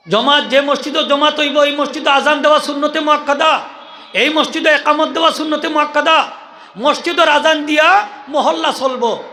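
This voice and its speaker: A man with a Sylheti accent preaches to a gathering, his high voice bright and forceful. He keeps throwing questions at the crowd and waiting for their answers. The sound carries a long hall reverb over faint background ambience. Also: a little hiss or hum. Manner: animated, questions the crowd and drills call-and-response. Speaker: Islamic preacher. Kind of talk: sermon to a live gathering.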